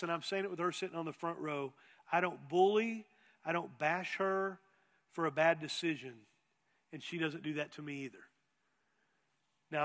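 A middle-aged pastor preaches with a fairly high voice, pressing his points hard and turning to the congregation with questions. His words ring out with a long reverb from a church sanctuary. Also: fairly bright tone. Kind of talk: sermon.

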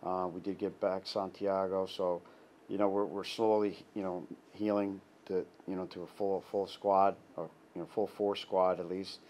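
A middle-aged man, a head soccer coach, giving a halting post-game interview full of restarts and fillers. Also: low voice, flat delivery, darkish tone, a little hiss or hum. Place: indoor press backdrop. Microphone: clip-on lapel mic.

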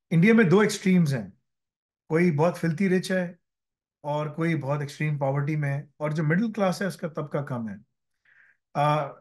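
A man with a somewhat high voice gives relaxed interview answers. He tells long anecdotes and drops English phrases into his sentences. He keeps checking in with the listener as he talks. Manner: mixes English phrases into his talk, often asks "ठीक है ना". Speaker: guest speaker on careers.

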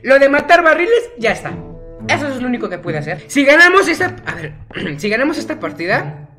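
A man's voice: very high voice, lively intonation, brisk, music in the background. A teenage boy with a Mexican accent, chatting casually over his gameplay in a rambling, jokey way that keeps correcting itself. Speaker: gaming YouTuber.

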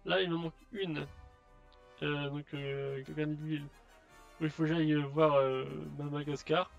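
Un homme qui commente sa partie de jeu vidéo de façon décontractée, en hésitant beaucoup. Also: male voice, on the high side. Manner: hesitant, many fillers and restarts. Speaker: gamer. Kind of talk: casual let's play commentary. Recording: dull lo-fi sound, faint game music.

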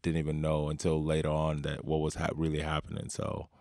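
A man in his thirties from Sudan, a basketball player, talking in a relaxed, unhurried way with drawn-out fillers in a studio. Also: very deep voice, no room sound. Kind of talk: casual interview talk. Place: home studio with guitars and keyboards. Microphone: studio mic with headphones.

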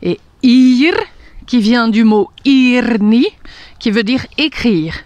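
A woman's voice: fairly high pitch, a little mellow, dry recording. A woman with a Hungarian accent teaching a language lesson, carefully repeating words one at a time and laughing lightly now and then. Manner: slow, careful pronunciation drills with light laughter.

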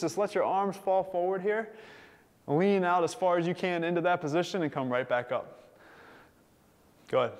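Upbeat man coaching a workout. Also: fairly high pitch. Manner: upbeat, encouraging, counting down time. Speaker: fitness instructor.

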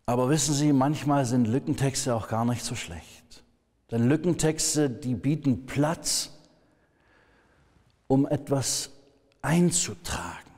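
A man preaching a sermon as pastor, slow and emphatic, letting phrases fall to a soft hush at the ends. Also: mid-range voice. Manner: slow, emphatic, dropping to soft hushed endings. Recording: long hall reverb.

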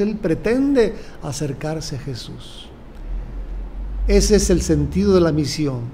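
An older man, a bishop with a Mexican Spanish accent, preaching a sermon in a slow, measured way and repeating his phrases. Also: a little high, mellow, a little hiss or hum.

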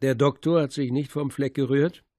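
A man voicing a commanding middle-aged police commissioner in an audiobook, brisk and assured as he gives orders. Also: medium pitch, steady tone, mellow, no echo, studio quality, natural voice. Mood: jovial. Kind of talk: audiobook character voice.

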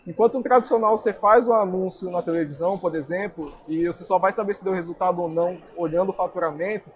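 Speaking fast in a high voice, this young adult guest answers interview questions at an indoor trade fair booth, earnestly explaining marketing. A little hiss or hum sits under the recording.

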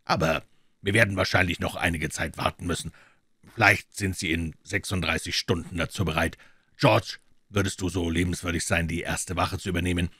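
A man voicing a calm, courteous captor who threatens quietly. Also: low-pitched, a little fast, husky, dry recording, clean studio sound, heavily acted. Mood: calm menace. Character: calm polite menacing male captor.

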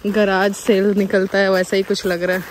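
A woman's voice: mid-range voice, flat delivery, normal speed, rough recording. A woman in her thirties chatting casually to the viewer in a travel vlog, recorded outdoors on a phone at arm's length. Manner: chatty, explaining plans to the viewer. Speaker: vlogger. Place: outdoors in a windy town and lakeside. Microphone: phone camera held at arm's length. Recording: outdoor noise behind the voice.

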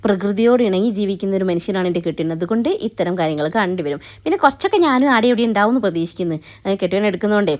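A young woman talks over her family vlog at a very fast pace. She keeps the narration chatty and often tags on a 'you know'. It sounds like a close-mic voice-over of medium pitch. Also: expressive, darkish tone. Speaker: family vlogger.

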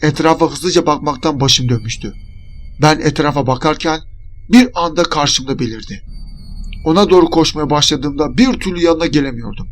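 A man's voice: fairly high pitch, normal speed, soft background music. Man reading a horror story aloud. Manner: dramatic first-person reading. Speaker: narrator. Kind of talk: scripted horror story narration.

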